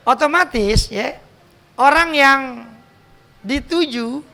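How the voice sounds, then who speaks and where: High, gravelly Betawi-accented cleric. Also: male voice, slow pace, bright, forceful tone. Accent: Jakarta Betawi. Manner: joking, conversational, slangy, quotes Arabic text then explains. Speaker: cleric teaching a mosque study circle. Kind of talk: casual teaching sermon. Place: mosque hall.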